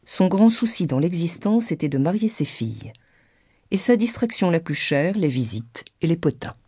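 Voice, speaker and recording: A woman reads a classic novel aloud in an audiobook, measured and literary. Her voice is dark and mellow, and the recording is dry and close, with no room at all. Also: lowish voice, animated, slightly rough, no echo. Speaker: audiobook narrator. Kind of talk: scripted narration.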